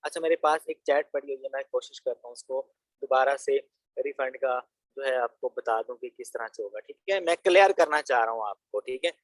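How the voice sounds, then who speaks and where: This young Pakistani man teaches an online business course through a casual screen-recorded tutorial, chatting with viewers and dropping "theek hai" as a filler. His mid-range voice moves fairly quickly. The audio is poor, though free of room sound.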